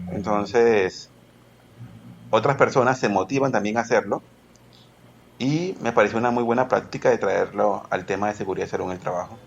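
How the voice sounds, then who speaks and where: Man, gravelly low voice, rambling podcast guest on dull lo-fi call audio. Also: a little hiss or hum. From Peru. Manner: rambling, self-correcting, laughs easily. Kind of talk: casual podcast interview.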